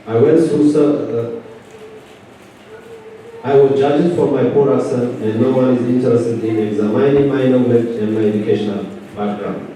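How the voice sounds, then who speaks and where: A man's voice: medium pitch, fairly even intonation, warm tone, a little hiss or hum. Earnest man with an Eritrean accent. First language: not English. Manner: earnest and measured, with deliberate pauses. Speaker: community event speaker. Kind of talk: personal testimony speech. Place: large event hall. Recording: echoey hall, from a distance.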